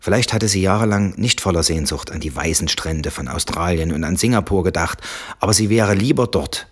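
A man narrates an audiobook in a calm, even storytelling voice. His tone sits low and a little husky, steady from line to line. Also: brisk. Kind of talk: scripted narration.

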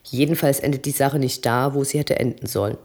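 A reader narrating a crime novel in an even, conversational manner. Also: mid-range voice, fairly quick. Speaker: audiobook reader. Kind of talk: reading fiction aloud.

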